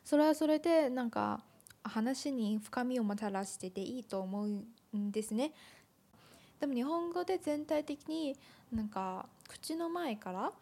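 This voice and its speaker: Woman host, Chinese native speaker: polite, considered casual chat with a slightly high voice. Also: expressive, unhurried, creaky. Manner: polite, thoughtful, gentle backchannels.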